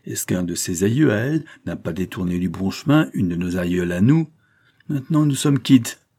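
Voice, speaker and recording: A man's voice: sits low, lively intonation, moderate pace, mellow. A man voicing a choleric old male aristocrat who sputters with rage. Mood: furious.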